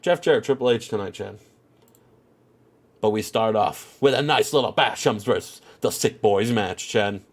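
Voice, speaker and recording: At a moderate pace and in a lowish voice, a man whose nose sounds stuffed up rambles over a wrestling game. His relaxed commentary is heavy on filler, "you know" and "at the end of the day" above all.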